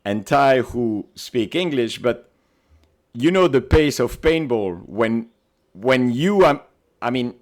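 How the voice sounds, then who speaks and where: Speaking slowly with medium pitch and lively intonation, this Belgian-accented man from Belgium tells animated stories in his non-native English. It's a relaxed interview chat where he's the podcast guest.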